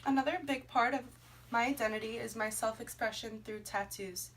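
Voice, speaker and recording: The recording is noisy and a bit distant. A woman with a voice on the high side, speaking at a normal speed, reads her class assignment, a scripted presentation about herself. She's twenty, from Brooklyn, New York, and she steadily works through a list of items.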